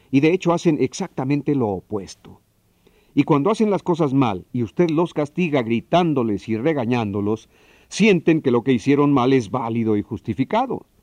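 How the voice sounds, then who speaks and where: Man, seminar lecture, measured and explanatory, mellow tone, slightly muffled recording. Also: medium pitch, dry recording. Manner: measured, explanatory, addresses the audience directly. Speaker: seminar speaker.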